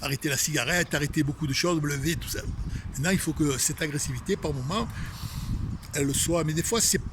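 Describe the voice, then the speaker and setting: A man's voice: fairly high pitch, quick pace. Man, Marseille accent, inspirational outdoor sermon, emphatic, repeats himself, talks to the listener; noisy open-air recording. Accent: Marseille French. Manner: emphatic, repetitive, addresses listeners directly. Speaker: spiritual speaker. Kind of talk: inspirational religious talk. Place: outdoors facing a tree.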